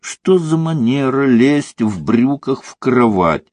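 Male reader playing a drowsy young woman, soft, fond and scolding. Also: mid-range voice, lively intonation, slow pace, no room sound, voice pushed up. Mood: sleepy. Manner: soft, sleepy and gently scolding.

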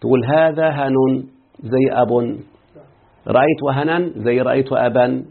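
A man's voice: mid-range voice, moderate pace, gravelly. A man with an Egyptian accent, a sheikh explaining an Arabic grammar text and quizzing his students as he goes. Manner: quizzing students with repeated checks. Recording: tinny phone-like line.

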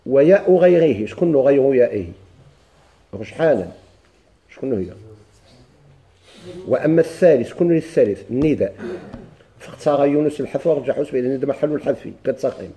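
Moroccan male teacher, very dark mellow voice, drills the class with questions. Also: mid-range voice, expressive. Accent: Moroccan Arabic. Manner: questions the class and answers himself, reads lines slowly. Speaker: grammar teacher. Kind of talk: classroom lesson explaining a text.

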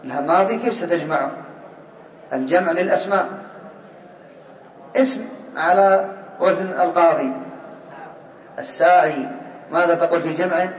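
Distant teacher quizzing his class. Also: on the high side. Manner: questions students by name, drills word forms slowly. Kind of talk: classroom grammar lesson. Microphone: far from the mic. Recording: distant, roomy, dull lo-fi recording.

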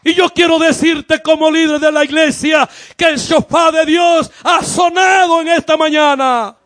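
Male pastor, Caribbean Spanish accent, very high voice, slow deliberate delivery, shouted fervent preaching. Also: steady tone, dry recording, studio quality. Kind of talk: sermon.

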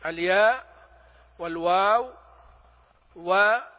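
A man teaching a lesson on a classical text, posing questions and answering them himself, and reciting examples slowly. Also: sits high, sharp tone, in a large hall, highs cut off. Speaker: religious teacher. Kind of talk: lecture explaining a classical text.

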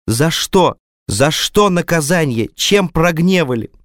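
Desperate peasant father, as a male reader puts him on, high strained cries, begging, storybook voice. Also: lively intonation, takes it slowly, fairly bright tone, no room sound, studio quality. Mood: despairing. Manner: pleading, crying out, breaking and repeating words. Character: frantic peasant father, middle-aged man, desperate.

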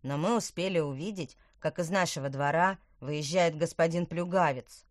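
A woman's voice: sits low, moderate pace, no room sound, clean studio sound, close to an everyday voice. A woman voicing a plucky young schoolboy in a storybook. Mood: eager.

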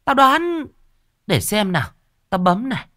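A man voicing a shrill, bossy middle-aged female village medium who talks down to people. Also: very animated, a little slow, bright, forceful tone, no echo, clean studio sound, heavily acted. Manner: brusque, scolding, self-important.

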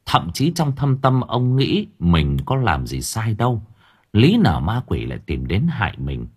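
A man's voice: fairly low pitch, huge pitch swings, unhurried, darkish tone, husky. A man reading a horror story aloud as an audiobook narrator, with dramatic, suspenseful delivery.

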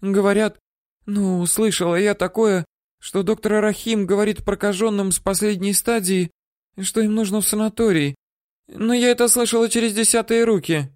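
A man's voice: high-pitched, fairly even intonation, moderate pace, a little mellow, dry recording, clean studio sound, voice pushed up, lightly acted. A man voicing a frightened, whimpering woman for an audiobook, her voice whiny, squealing and pleading. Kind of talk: audiobook character voice.

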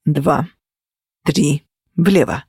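A man's voice: fairly high pitch, very slow, vocal fry, husky, no echo, studio quality, pitched below the performer's own voice, heavily acted. A reader voicing a male companion who whispers urgently, pleading and then giving orders, in an audiobook. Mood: commanding. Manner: hushed, pleading then commanding. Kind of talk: audiobook character voice.

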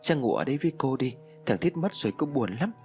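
A man's voice: mid-range voice, big pitch swings, fast talker, faint music behind. A man voicing a grieving village mother who wails and pleads for her dead son in a spoken ghost story. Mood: tearful. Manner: wailing, pleading.

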